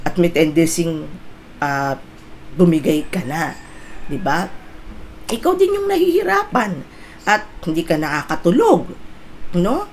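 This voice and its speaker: Middle-aged lady pastor preaching taglish, chatty and lively, bit of a lower voice, faint hiss behind. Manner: lively, conversational, with tag questions. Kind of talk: Taglish sermon exhortation.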